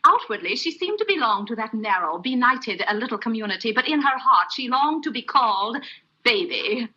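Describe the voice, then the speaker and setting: A flamboyant, coy lady author holds forth in 1930s screwball film style. Her voice is high, very bright and swoops theatrically. The sound is a dull old movie soundtrack. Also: big pitch swings, moderate pace. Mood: coy, playful. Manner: theatrical, coy, grandly declaiming.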